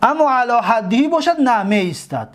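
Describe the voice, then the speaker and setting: A man with a Tajik accent teaching a seminary lesson on Arabic grammar, repeating his points patiently and drawing out each example word slowly. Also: very high voice, animated.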